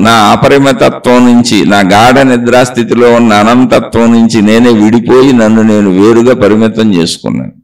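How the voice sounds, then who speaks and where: A male spiritual teacher speaks in a mid-range voice, neither high nor low. He builds his discourse from long rhythmic chains of repeated phrases. He keeps turning to the listener with rhetorical questions. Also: rough recording.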